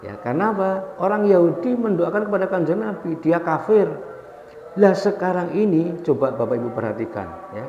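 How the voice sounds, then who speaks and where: A man preaching a sermon to a congregation, telling a story and leading his listeners in slow chanted recitation. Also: lively intonation. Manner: storytelling with rising pitch on stressed points. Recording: echoey hall, dull sound, faint background noise.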